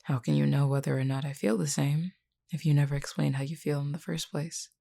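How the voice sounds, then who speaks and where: Very low and heavily gravelled, the actress's voice is dark and mellow with fairly even intonation as she plays a self-assured adult werewolf woman in an intimate roleplay. The character is flirty, defiant, and wounded. She teases the listener bluntly, taking her time and using the pet name "hun."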